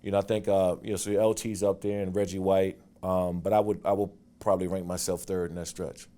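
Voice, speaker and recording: A man in his forties telling stories from his football career in a casual interview, animated and getting loud and quick when excited. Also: low-pitched. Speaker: guest, former football player.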